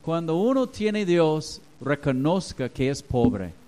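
A man preaching, slow and deliberate in his delivery. His voice sits a little high for a man, and he keeps acting out the people in his stories as he goes. It is a lively sermon full of storytelling. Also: low-quality recording. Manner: animated, acts out voices in anecdotes. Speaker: pastor.

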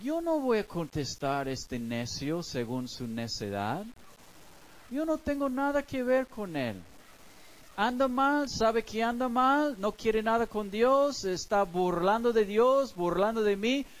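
A man's voice: high-pitched, sing-song, slow, slight background noise, rough recording. A man preaching as a pastor, explaining scripture in a conversational way with everyday street examples. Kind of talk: sermon.

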